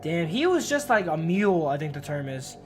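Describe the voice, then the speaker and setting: Over background music, a man streaming live reads game story text aloud and chats casually, slangy and informal, repeatedly addressing listeners as bro and dude. His voice is fairly high with big pitch swings at a moderate pace.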